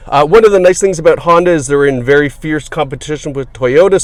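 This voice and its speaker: A man's voice: on the high side, dry recording. Guy showing off a used car, upbeat, lots of uhs, dry close sound. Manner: upbeat, chatty, many fillers. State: has the hiccups. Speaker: car salesperson. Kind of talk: casual car walkaround video. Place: inside a car.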